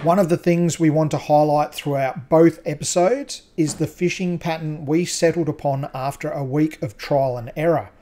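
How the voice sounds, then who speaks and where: A man's voice: fairly high pitch, normal speed, hardly any pauses, slight background noise. Upbeat male voice-over narrator. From Australia. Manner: upbeat, steady presenting. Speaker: fishing channel host.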